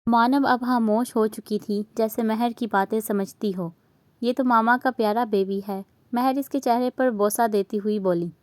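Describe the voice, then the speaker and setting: A woman's voice: on the high side, darkish tone, dry recording. Woman reading a romance novel aloud. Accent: Urdu. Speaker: novel reader.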